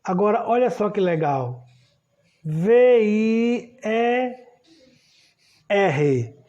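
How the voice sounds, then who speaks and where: A woman with a Brazilian Portuguese accent gives a language lesson at a board, speaking very slowly in a warm, expressive, medium-pitched voice. She patiently spells out letters and checks that her students are following. The high frequencies are cut off in the recording.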